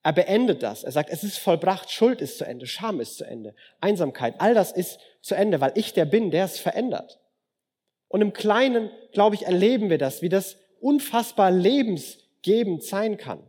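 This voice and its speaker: A man delivering a sermon in a slightly higher voice. He is lively and dramatic, acting out voices and dropping from loud emphasis to near-whispers. His voice rings with a long hall reverb. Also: moderate pace, slightly rough. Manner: lively, acts out dialogue, wide swings from loud to hushed. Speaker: preacher.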